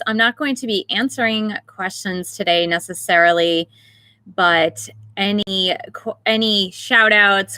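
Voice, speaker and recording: Bright, gentle meditation livestream woman. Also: mid-range voice, no echo. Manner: gentle, unhurried, greets chat viewers by name. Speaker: meditation teacher and channel host. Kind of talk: livestream talk before a guided meditation.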